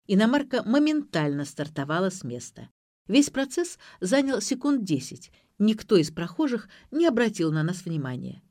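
A woman narrating a first-person detective story in a brisk, ironic way. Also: medium pitch, big pitch swings, dark tone, dry recording, clean studio sound. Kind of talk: audiobook narration.

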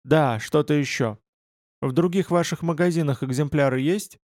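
A man's voice: a little high, normal speed, darkish tone, dry recording, studio quality, natural voice. A man voicing a furious, bitter young male writer who speaks in harsh, clipped outbursts, in an audiobook reading.

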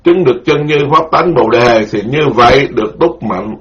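A middle-aged Buddhist monk delivers a dharma lecture. He speaks at a measured, deliberate pace, repeating his key terms so the assembly can follow. His voice sits at an ordinary male pitch, and the recording is dull and lo-fi. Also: lively intonation.

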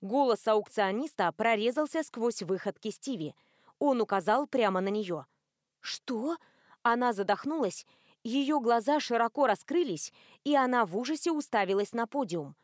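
A woman reading an audiobook as narrator in an even, clear storytelling manner. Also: fairly high pitch, normal speed, no echo, clean studio sound. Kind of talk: scripted narration.

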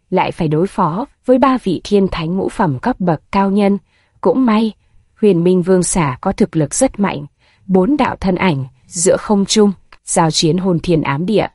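A woman narrating a martial fantasy novel as an audiobook, at a steady, even storytelling pace. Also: lowish voice, breathy edge, no echo, clean studio sound.

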